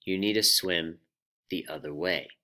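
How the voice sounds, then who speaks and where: Man doing a mellow surfer dude voice. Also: low voice, a little slow, full character voice. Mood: laid-back. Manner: drawling surfer slang, loud and easygoing. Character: laid-back young male surfer, friendly and helpful.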